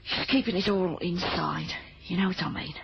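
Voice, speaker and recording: A woman's voice: lowish voice, fairly even intonation, moderate pace, vocal fry. A woman playing a plucky, wheezy old working-class English grandmother with asthma in a radio drama, blunt and colloquial. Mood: confiding, bossy. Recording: muffled old radio recording, faint noise.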